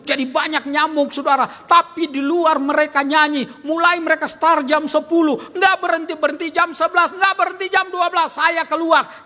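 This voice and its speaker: A pastor preaching a sermon at a church service, animated, swinging from loud calls to quiet asides and often turning to the congregation. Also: male voice, very high voice. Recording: long church-hall reverb.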